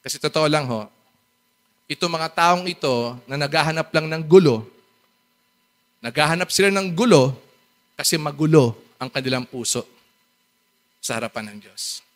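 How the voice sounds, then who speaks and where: A Filipino man preaching a sermon, mixing English Bible quotes into his talk. He asks the congregation questions, jokes with them and swings between loud bursts and soft asides. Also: a little high, lively intonation, moderate pace, long pauses. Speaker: pastor.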